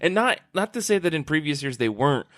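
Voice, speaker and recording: A man's voice: on the high side, big pitch swings, fast, a bit bright, no room sound, studio quality. A man co-hosting a comic book podcast, telling stories in casual chat. He laughs often and swears now and then. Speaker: podcast co-host. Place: comic convention, recorded on site.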